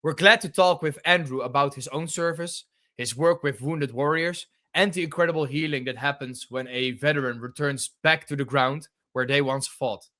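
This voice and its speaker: A man's voice: fairly high pitch, normal speed, bright, forceful tone. This is a Dutch-accented male podcast host with a slightly raised voice. He chats casually, laughs easily and fills gaps with uhs and ums. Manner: joking and laughing, many fillers. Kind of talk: casual interview chat.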